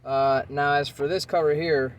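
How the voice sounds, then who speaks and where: A man's voice: a little high, steady tone, moderate pace, slight background noise. A man casually narrating a car repair video from inside the car, rambling and thinking aloud with fillers as he works, recorded on a handheld phone.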